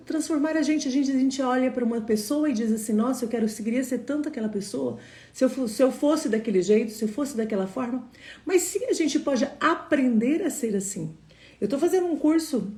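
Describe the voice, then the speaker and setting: Mellow woman giving a live talk. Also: fairly high pitch. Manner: conversational, frequent "né?" tag questions. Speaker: motivational speaker. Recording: echoey room.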